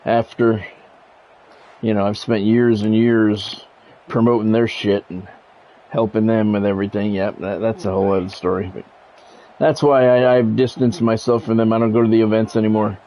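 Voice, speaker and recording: An American man hosting a game livestream speaks in a lowish, warm voice, flat in delivery and at normal speed, trading blunt, casual chat with play-by-play. There's a little hiss or hum, and music plays under the dull lo-fi sound.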